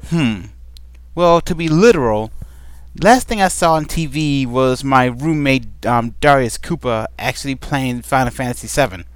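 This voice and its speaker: A man with a medium-pitched, smooth voice talks at a moderate pace in a dry recording. Using a desk microphone at home, the vlogger answers a list of questions for a tag in a casual, playful, rambling manner with many ums.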